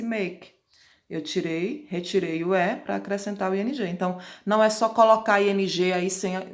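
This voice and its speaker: A woman teacher explains grammar rules at an even, middle pitch. She moves step by step, repeats key points and checks in with short questions. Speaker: English teacher.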